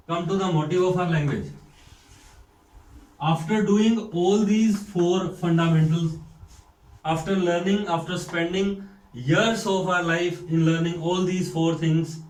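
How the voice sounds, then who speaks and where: A man from India with an Indian accent, a school principal giving a classroom lecture, slow and deliberate, repeating points and asking rhetorical questions. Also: on the high side. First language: Hindi. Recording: echoey room, mic far off.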